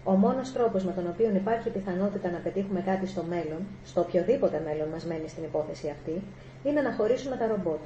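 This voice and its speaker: A woman's voice: lowish voice, mellow, lo-fi sound, slight background noise, natural voice. A woman voicing a stern, determined female robot psychologist who speaks firmly and insistently. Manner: firm, insistent. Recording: echoey room, faint ambience.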